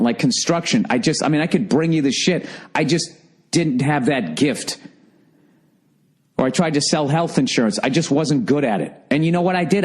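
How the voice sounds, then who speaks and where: Husky middle-aged american guy ranting alone on his podcast, swears a lot, fed up. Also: fairly high pitch. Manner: profane, exasperated, rants. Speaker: podcast host. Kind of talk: solo ranting comedy monologue.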